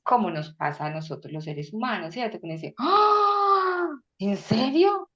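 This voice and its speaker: A woman speaks on a faith podcast in a somewhat low voice, animated and expressive, jumping into quoted voices with bursts of loudness. The audio is dull and lo-fi. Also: fast. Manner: animated, acts out quoted voices with sudden loud exclamations. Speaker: guest speaker. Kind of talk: faith-based podcast conversation.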